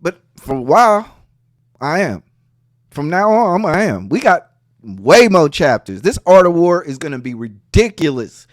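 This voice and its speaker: A man's voice: fairly high pitch, sing-song, moderate pace, dry recording, clean studio sound. A man hosting a podcast, giving heated casual commentary in a profane, mocking way. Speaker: podcast host.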